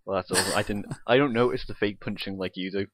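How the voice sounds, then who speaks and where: A man's voice: fairly low pitch, fast, a bit bright, no echo. A young man co-hosting a podcast, recapping a wrestling show play by play in casual chat and swearing freely. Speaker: podcast co-host.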